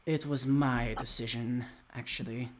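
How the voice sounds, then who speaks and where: A man playing a thin, hooded male dragonborn in a tabletop game, speaking slowly, quietly and with cold contempt. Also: mid-range voice, steady tone, slight background noise, natural voice. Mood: contemptuous.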